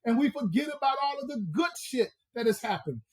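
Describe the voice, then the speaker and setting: A man's voice: very high voice, expressive. A man from the American South with a Southern accent, talking as a personal growth coach on a podcast in an emphatic, preacher-like way. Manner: emphatic, preacher-like, drawn-out stresses. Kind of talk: motivational podcast talk.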